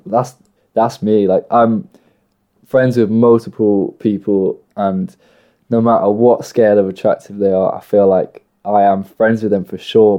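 A man with a fairly low, dark and mellow voice talks casually. He explains himself in short, halting phrases. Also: lo-fi sound. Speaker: musician. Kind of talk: casual conversation.

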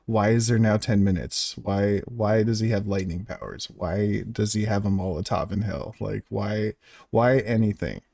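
A man's voice: fairly low pitch, normal speed, gravelly, darkish tone, no echo. A man co-hosting a podcast, sarcastically poking holes in a movie plot. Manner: sarcastic, incredulous. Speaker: podcast co-host. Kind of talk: casual chat recapping a movie.

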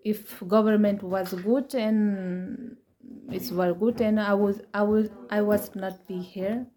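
A woman's voice: medium pitch, steady tone, slow pace, warm tone. A woman in her twenties from Nepal, an English speaker, answering interview questions hesitantly with many fillers and restarts. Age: 20s. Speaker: interview guest. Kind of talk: casual interview.

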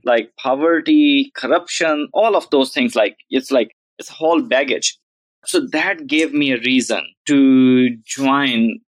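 A man's voice: medium pitch, no room sound, low-quality recording. A man, a journalism professor telling his story as a podcast guest in an earnest, reflective way. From Pakistan. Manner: earnest, reflective, frequent "like" and "right?".

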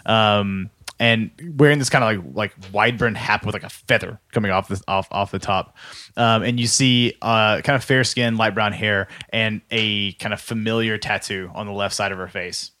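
A man improvising narration as game master of a tabletop game, halting as he searches for words. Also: on the low side, fairly even intonation, pushed and bright.

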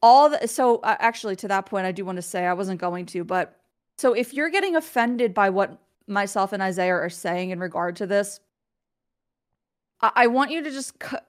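A woman's voice comes through a video call connection, earnest and candid as she chats on a faith livestream. Her pitch sits in a middle range, and she leans on casual fillers as she talks and reads verses. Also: lively intonation, normal speed. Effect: heard over a video call connection. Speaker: guest co-host on a faith livestream. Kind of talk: casual livestream chat and scripture reading.

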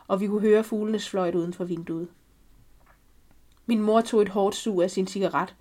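Woman calmly reading a story aloud. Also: mid-range voice. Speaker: podcast reader.

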